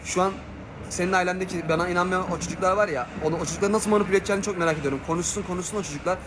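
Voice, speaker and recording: A man's voice: sits high, steady tone, rapid-fire, noisy background. A young man streaming live, ranting angrily in a heated, emphatic way. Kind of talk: angry live stream rant.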